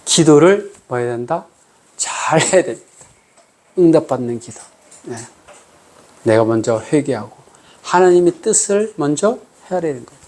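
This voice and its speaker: A man's voice: a little high, lively intonation, normal speed, pauses often, a little mellow. A male pastor giving a sermon in a conversational way, often asking the congregation questions and varying his pace for emphasis. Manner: conversational preaching with frequent call-and-response questions.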